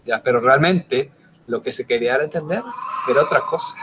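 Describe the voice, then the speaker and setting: A man's voice: mid-range voice, a little fast, a bit bright, slight background noise. A male teacher giving an explanatory class lecture, often checking in with his students through short tag questions.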